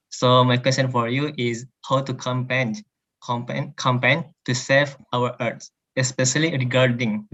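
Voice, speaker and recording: A man asking formal questions politely and deliberately, phrase by phrase. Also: medium pitch, fairly bright tone. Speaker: webinar participant asking questions. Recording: dull online call audio.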